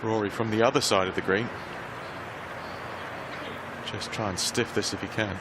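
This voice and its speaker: A man's voice: steady tone, moderate pace. A man giving live golf commentary in short, understated, wry phrases as shots are played. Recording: noisy outdoor broadcast with background rumble.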